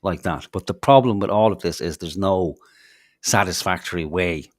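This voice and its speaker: A man's voice: sits low, moderate pace, no room sound, studio quality. A man, co-hosting a podcast, telling rambling stories in casual chat with lots of fillers, restarts and swearing. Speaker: podcast co-host.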